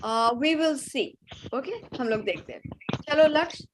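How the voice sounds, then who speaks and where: Encouraging Indian woman teacher, slightly high voice. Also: expressive, rapid-fire, heavy background noise. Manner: encouraging, patient. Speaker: teacher leading an online religious class for children. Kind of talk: interactive lesson, instructing and encouraging children. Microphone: video call.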